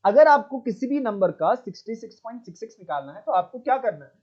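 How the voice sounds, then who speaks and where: A man's voice: extremely high pitch, sing-song, fast talker, a little mellow, muffled recording. A man teaching math in an online class, switching between Hindi and English and often checking in with his students.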